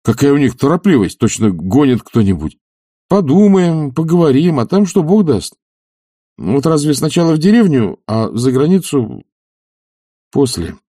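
A man voicing an idle, sighing gentleman who whines and dodges in a reluctant, drawn-out way. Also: on the high side, big pitch swings, no room sound, studio quality, voice pushed up. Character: lazy, sighing gentleman, plaintive and evasive.

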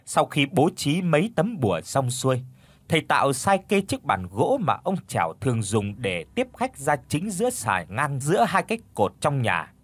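A man's voice: medium pitch, very animated, normal speed. Man narrating a village audio story.

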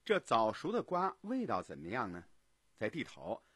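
A man presenting local radio news in a scripted, animated newsreader delivery. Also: mid-range voice, moderate pace, breathy edge, dry recording.

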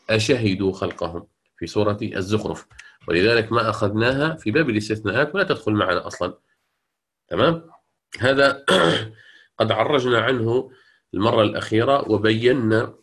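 Lecturer: middle-aged man, patient explainer, checks that students follow, slow recitation of quoted verses. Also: on the low side, breathy edge. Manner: explanatory, repeats key words, checks with "تمام؟"; chants quoted verses slowly. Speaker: Quran recitation teacher. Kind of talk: lecture on Quranic readings.

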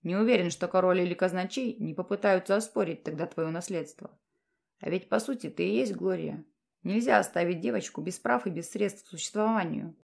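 A woman voicing a low, hushed noble commander. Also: brisk, gravelly. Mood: tender. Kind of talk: audiobook character voice.

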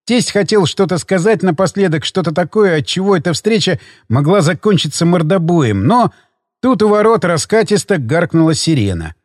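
A man narrating an audiobook in an expressive storytelling manner. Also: high-pitched, moderate pace, dry recording, studio quality. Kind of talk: scripted narration.

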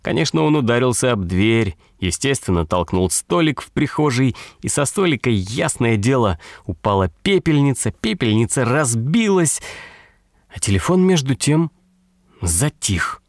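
A man narrating a story as an audiobook, in a wry, ironic tone. His voice sits at a middling pitch. The sound is dry and close, with no room around it. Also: very animated, normal speed, no room sound. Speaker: audiobook reader.

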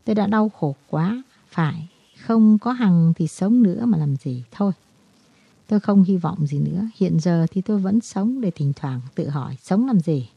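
A woman voicing a guilt-ridden, despairing man who confesses in a halting, brooding way, in a storybook reading. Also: on the low side, animated, creaky, slightly rough, no echo, dull audio, heavily acted.

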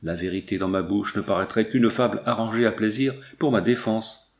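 A man's voice: on the low side, normal speed, lightly acted. Guy reading a young woman pleading she's innocent, earnest, storybook, roomy echo. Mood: distressed. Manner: earnest, insistent denials.

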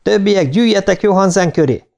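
A man's voice: high-pitched, vocal fry, a little mellow, pitched above the performer's own voice. A man reading an audiobook, voicing a decisive female mission commander who gives clipped, urgent orders in a raised voice. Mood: urgent, commanding.

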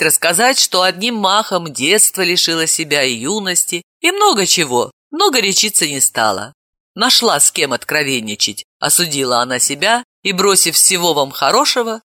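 A woman narrating an audiobook in an expressive storytelling manner. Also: medium pitch, dry recording, studio quality.

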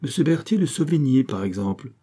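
A man's voice: medium pitch, expressive, fairly quick, warm tone, breathy edge, voice pushed up. A man reading an audiobook voices a proud young peasant who declaims his exploits with emphatic pride. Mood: boastful.

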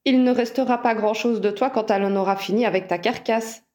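Brief: cheerful, insistent young male wizard, warm and mellow, voiced by a woman narrator. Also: fairly high pitch, fairly quick, natural voice.

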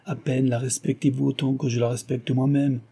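A man voicing an anxious, scrupulous young woman in an audiobook, with a dark, husky voice. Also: mid-range voice, level tone, brisk, pitched above the performer's own voice. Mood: earnest.

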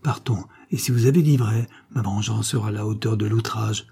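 A man's voice: on the low side, moderate pace, mellow, husky. A man voicing a proud, scornful exiled nobleman with a biting, contemptuous delivery in a read-aloud novel.

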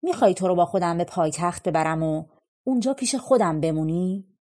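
A woman voicing an anxious old king in a spoken storybook, earnest and pleading, with a slightly husky, lowish voice. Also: warm tone, close to an everyday voice. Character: anxious old king seeking a content man.

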